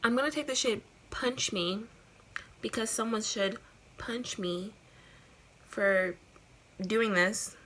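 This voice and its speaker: A woman's voice: a little high, takes it slowly, pauses often, a bit bright, a little hiss or hum. A woman talking like a giggly, rambling drunk as she gives a casual makeup tutorial, often repeating herself. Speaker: beauty vlogger.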